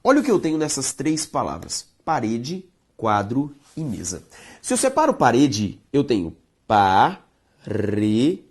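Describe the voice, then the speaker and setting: A woman with a Brazilian Portuguese accent teaching a grammar lesson, stressing key words slowly and speaking straight to her viewers. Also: very deep voice, huge pitch swings, husky. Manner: emphatic, drawn-out stressed words, addresses viewers directly.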